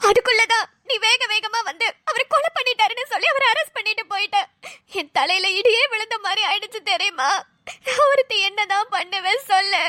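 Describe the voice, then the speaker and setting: A woman's voice: very high voice, fast, hardly any pauses, pushed and bright, no echo, studio quality. A woman voicing a tearful, despairing young wife and mother who wails her pleas in a cartoon. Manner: sobbing, wailing pleas. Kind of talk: dubbed cartoon voice acting.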